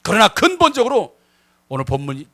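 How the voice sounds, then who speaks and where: Animated high-voiced male pastor. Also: a little fast. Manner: animated storytelling, acting out quoted voices with sudden loud and hushed turns. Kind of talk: sermon.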